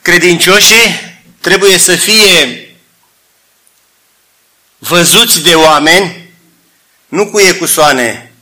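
A man's voice: on the high side, pushed and bright. A man preaching a sermon to his congregation, fervent and addressing them as brothers, acting out the dialogue of the figures in his story.

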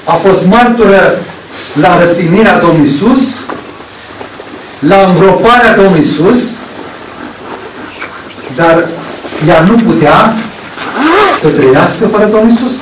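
A man preaching a sermon slowly and deliberately, pausing between phrases. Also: high voice, slight background noise. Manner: slow, deliberate preaching with long pauses. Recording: roomy echo, distant from the mic.

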